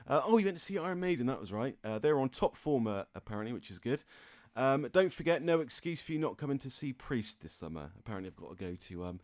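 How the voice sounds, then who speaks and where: A man's voice: mid-range voice, sing-song, quick pace, hardly any pauses, a little mellow. A man hosts a local radio show from the studio, chatting loosely and laughing between links. His voice sits in the middle of the male range. The studio sound is dry and close, with no room echo. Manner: rambling, jokey, laughs often. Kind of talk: casual on-air chat and announcements. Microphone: studio microphone.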